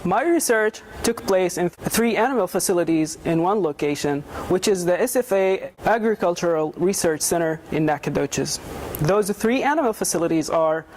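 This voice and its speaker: A young man from Jordan, a graduate student, calmly explaining his research in a measured, step-by-step way. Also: high voice, a little hiss or hum. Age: young adult. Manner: measured, explanatory, some restarts.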